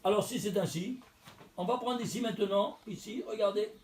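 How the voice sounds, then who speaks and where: A man's voice: high voice, normal speed, slight background noise. A man giving a religious text lesson, explaining step by step, counting letters aloud and asking and answering his own questions. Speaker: teacher.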